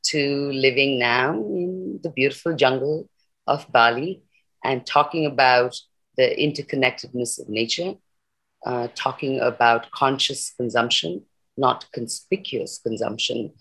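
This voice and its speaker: A middle-aged sustainability activist from Nepal, raised in India, speaks earnestly and passionately as a guest on a video call from a room at home, picked up by a laptop webcam. Her voice is rumbling low, a bit bright, with a breathy edge and a measured pace. The audio quality is poor.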